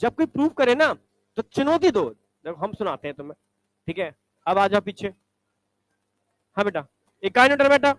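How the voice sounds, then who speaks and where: High-voiced male teacher quizzing a class. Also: very animated, fairly bright tone, no room sound. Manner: brisk, commanding, calls students to stand and recite.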